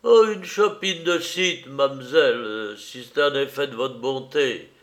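A man voicing a loyal, rough peasant beadle who fights for the king, speaking loudly and earnestly in a rustic way. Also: a little high, a little slow. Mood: weary pleading.

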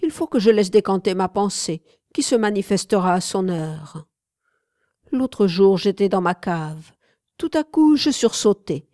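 Grandiose elderly master sculptor read by a woman, declaims loudly in a mellow, dry-recorded audiobook voice. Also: mid-range voice, animated, unhurried, no echo, close to an everyday voice.

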